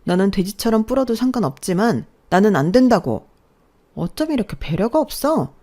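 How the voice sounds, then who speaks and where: A woman voicing a spoiled, bratty young woman announcer who whines and scolds her older sibling in a shrill voice. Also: lively intonation, moderate pace, mellow, lightly acted. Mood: scolding.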